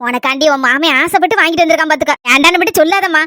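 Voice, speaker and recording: A woman's voice: high-pitched, racing, no echo, clean studio sound, voice pushed down. Woman doing a pleading village grandmother. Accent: southern Tamil Nadu village dialect. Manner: gentle, pleading, affectionate. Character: elderly widowed grandmother visiting, tender and tearful.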